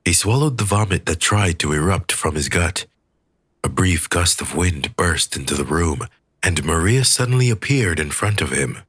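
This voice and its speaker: A man narrating an audiobook with a very deep, husky voice, measured and expressive, with lively rises and falls. The sound is close and dry. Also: no room sound. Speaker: audiobook reader.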